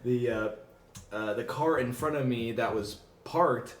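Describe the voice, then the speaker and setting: A man at mid pitch chats loosely as a podcast host. He wanders through his stories with plenty of "uh" and "like", often breaking into laughs. The recording sounds roomy and echoey. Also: a little slow. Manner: rambling, filler-heavy storytelling with frequent laughter. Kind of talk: casual chat. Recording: roomy echo.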